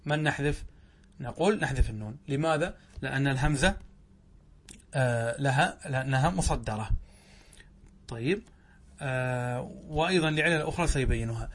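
A man's voice: mid-range voice, moderate pace, long pauses, fairly bright tone. A man teaching Arabic grammar in a lesson, asking his own questions and answering them, often drawing out words as he explains. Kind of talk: classroom lesson.

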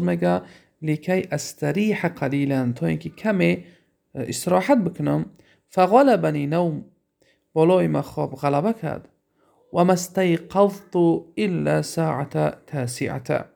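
A man with a Tajik accent teaches grammar, his voice gravelly and a bit high. He reads phrases out slowly, then rushes through the explanations and keeps asking his listeners questions. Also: darkish tone. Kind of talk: classroom lesson explaining Arabic text in Persian.

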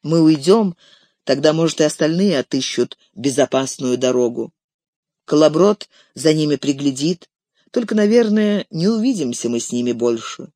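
Brief: a weary, determined male hobbit, calm and quietly firm, as the narrator voices him. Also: moderate pace, dry recording, studio quality, close to an everyday voice. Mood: resigned. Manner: low, calm, gently stern. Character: weary, resolute male hobbit on a grim quest. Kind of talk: audiobook character reading.

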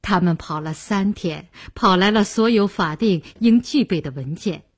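A woman narrating a novel with expressive storytelling that turns soft at tender moments. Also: medium pitch, normal speed, slightly rough. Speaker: audiobook narrator.

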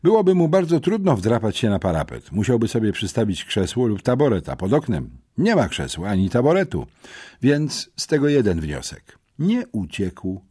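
A man voicing a confident teenage boy detective who calmly reasons things out in a storybook. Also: lowish voice, moderate pace, husky, pitched above the performer's own voice. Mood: reasoning. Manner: calm, deductive, reassuring.

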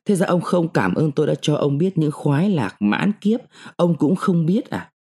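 Scornful sharp-tongued wife, voiced by a man, raised pitch, lively swoops, mellow tone. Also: normal speed, slightly rough. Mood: defiant. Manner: scolding, taunting.

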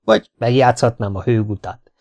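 A man reading a first-person humorous memoir as an audiobook, lively and expressive. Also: on the low side. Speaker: audiobook reader. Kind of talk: scripted first-person narration.

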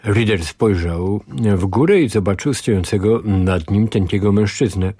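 Husky-voiced man reading a story aloud. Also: lowish voice, normal speed, no room sound. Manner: lively, expressive storytelling. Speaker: radio reader. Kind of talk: dramatic audiobook reading on radio.

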